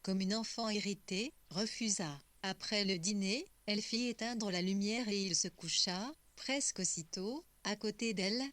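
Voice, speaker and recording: A woman's voice: medium pitch, normal speed, few pauses, a bit bright, no room sound. Woman narrating a novel, dry sound.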